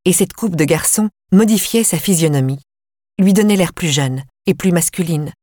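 Calm and measured, a low-pitched female voice reads an audiobook told in the first person. There is no room sound, just a close, dry capture.

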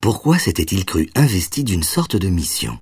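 A man narrating a novel as an audiobook, with expressive, varied storytelling. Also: low voice, normal speed, slightly rough, no room sound, clean studio sound.

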